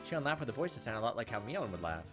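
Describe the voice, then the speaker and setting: Over music, a gaming video host with a mid-range voice reads a visual novel very fast and very animatedly. He keeps it casual, reacting to the text as he goes and dropping in the odd profane remark.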